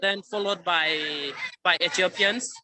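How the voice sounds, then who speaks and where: A man's voice: high voice, slow. A man from Sudan, speaking as a refugee spokesman at an outdoor protest, earnest and insistent. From South Sudan. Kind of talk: press conference testimony over a call. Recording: crowd noise from an outdoor protest. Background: crowd.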